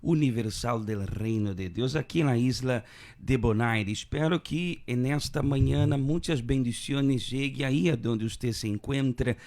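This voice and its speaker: Man pastor, live radio ministry, earnest blessing-filled address, studio mic, mid-pitched voice. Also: a little slow, darkish tone.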